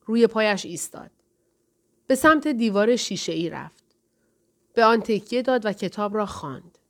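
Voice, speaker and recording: Female audiobook narrator, steady and measured delivery. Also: mid-range voice.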